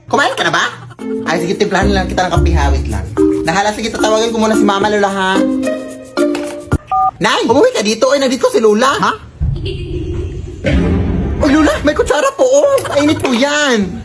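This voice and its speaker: Woman, animated skit voice, loud music underneath. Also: on the high side, brisk, long pauses. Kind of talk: acted comedy skit.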